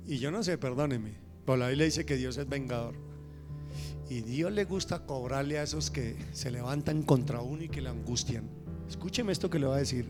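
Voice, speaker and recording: A middle-aged man preaching a sermon in a church, swinging from loud preaching to soft confiding asides. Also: on the high side. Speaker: pastor.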